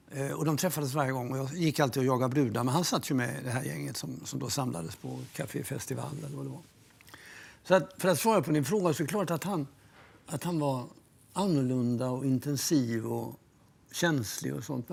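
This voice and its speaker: Reminiscing for a documentary, an older man who produced films tells stories with gusto, cursing openly and imitating how others talked. His mid-range voice is creaky with a breathy edge.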